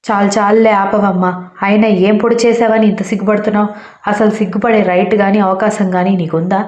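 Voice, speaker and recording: A woman's voice: mid-range voice, fairly even intonation, a little fast, darkish tone, lightly acted. Woman voicing a sarcastic inner-conscience woman. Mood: mocking. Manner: mocking, scolding. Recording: roomy, slightly dull recording.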